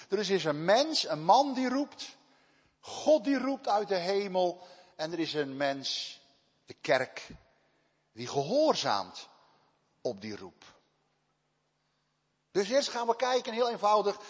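Preacher in a reverberant church. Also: male voice, high voice, sing-song, takes it slowly, pauses often, husky. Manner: emphatic preaching with sudden loud cries and soft asides. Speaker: pastor. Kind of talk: sermon.

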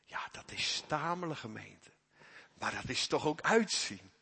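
A man preaching a sermon, swinging from quiet, intimate passages to loud, fervent emphasis. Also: mid-range voice, sing-song, a little slow, vocal fry, husky. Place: church. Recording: long church reverb.

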